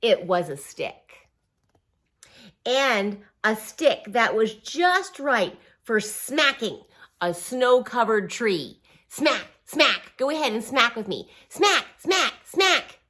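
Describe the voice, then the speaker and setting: With a voice on the high side and an unrushed pace, a woman reads a picture book aloud to small children. Simple, encouraging phrasing carries her reading, along with expressive emphasis and little questions and asides.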